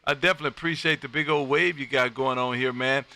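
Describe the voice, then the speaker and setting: An American man hosts an amateur radio livestream, chatting casually about ham radio in a folksy, effusive manner and peppering his talk with friendly address. His mid-range voice is steady, fast, bright, and forceful.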